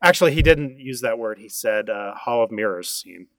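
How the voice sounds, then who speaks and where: A man, a podcast guest, telling an anecdote at an unhurried pace with frequent fillers. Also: mid-range voice, expressive, fairly bright tone, no room sound. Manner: unhurried storytelling with many uh fillers.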